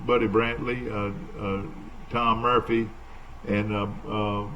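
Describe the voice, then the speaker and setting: A man in his seventies hosting a casual interview on a live show, rambling and halting with plenty of fillers and restarts. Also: on the low side, little pitch movement, pushed and bright, highs cut off, a little hiss or hum. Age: 70s. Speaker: talk show host.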